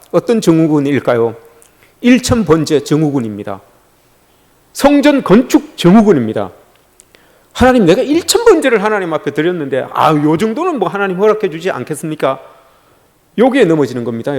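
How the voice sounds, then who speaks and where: Animated male pastor preaching a sermon. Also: fairly high pitch. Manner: emphatic preaching, repeatedly addressing the congregation.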